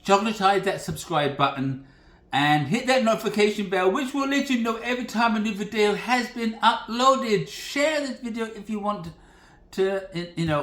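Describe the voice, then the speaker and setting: A man hosting a casual cooking demo from his home kitchen, talking in a folksy, rambling way with plenty of asides. His voice sits a little high for a man. The room gives it a noticeable echo. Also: fairly bright tone. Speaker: cooking channel host.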